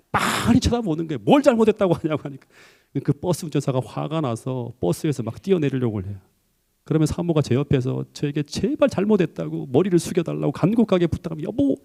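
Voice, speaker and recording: A pastor in middle age recounts a personal story during his sermon, his creaky voice animated and climbing toward emphatic highs.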